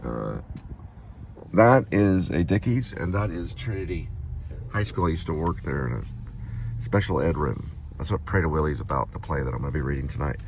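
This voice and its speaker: Rumbling low and animated, with vocal fry, this middle-aged vlogger and amateur playwright drifts through memories at a moderate pace, explaining things carefully. Noise can be heard in the background of his rambling talk.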